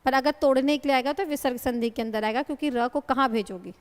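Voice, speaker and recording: A woman's voice: high voice, quick pace. A woman teaching Hindi grammar in a classroom lecture. She explains patiently, asks her students questions and calls them "beta". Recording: long hall reverb.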